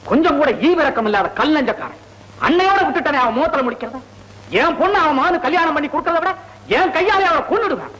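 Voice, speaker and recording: A man's voice: extremely high pitch, animated, quick pace, fairly bright tone, slight background noise, low-quality recording. An actor playing a hot-tempered middle-aged father who scolds and blusters in old film dialogue. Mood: angry.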